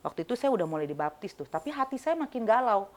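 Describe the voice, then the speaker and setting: Animated woman sharing a faith testimony. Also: fairly high pitch, fast talker. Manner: animated storytelling, reenacting her own words. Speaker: church member giving testimony. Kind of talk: personal faith testimony in an interview.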